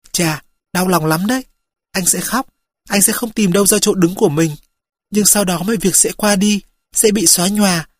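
A soft, husky young woman pleading close to the mic, breathy and gentle, as an audiobook reader puts her on. The voice sits a little above the reader's own and trails off into hushed, intimate tones. The recording is dry, with no room sound. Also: mid-range voice, no echo, pitched above the performer's own voice, lightly acted. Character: young forest woman, tender, frail and wistful.

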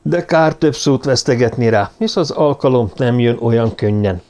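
A man reading an audiobook in measured scripted narration. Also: mid-range voice, animated, a little mellow.

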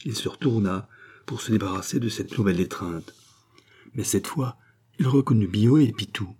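Male narrator for a classic novel; low, dark, slightly husky, measured and dramatic. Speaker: audiobook narrator.

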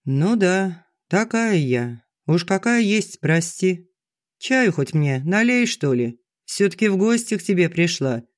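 A man reading an audiobook, voicing a grumbling, sharp-tongued middle-aged village woman who teases her friend. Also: high voice, big pitch swings, unhurried, no echo, studio quality. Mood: sulky. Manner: gruff and teasing. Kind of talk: audiobook dialogue.

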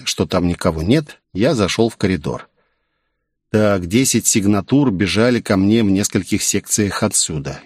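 A man's voice: fairly low pitch, darkish tone, no room sound, studio quality. A man narrating a first-person audiobook in a cool, sardonic manner.

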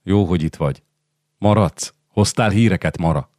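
Egy magányos, sóvárgó fiatal háremhölgy, akit egy férfi mesélő szólaltat meg nagyon mély, száraz hangon, közeli mikrofonnal. Kérlelő, vágyakozó hangvétel. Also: male voice, sits low, warm tone, no echo, clean studio sound, close to an everyday voice. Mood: wistful. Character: lonely young harem wife, woman.

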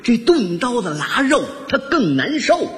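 A man telling a crosstalk comedy story in an animated, exaggerated way on a stage. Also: very high-pitched, a little slow, long reverb tail.

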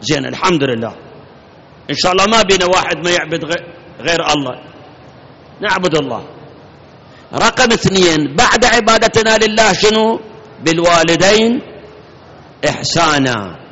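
A man's voice: sits high, animated, normal speed, pauses often, sharp tone. A man preaching a sermon in an Iraqi accent, speaking emphatically and directly to his congregation. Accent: Iraqi Arabic. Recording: muffled hall recording with reverb.

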